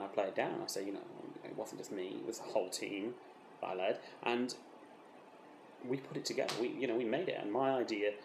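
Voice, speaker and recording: A British man playing a self-important, defensive razor developer in a mock documentary interview, halting and repeating himself with earnest, deadpan false modesty. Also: fairly low pitch, lightly acted. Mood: smug, falsely modest. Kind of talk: mock documentary interview, improvised-sounding monologue. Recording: roomy echo with faint background noise.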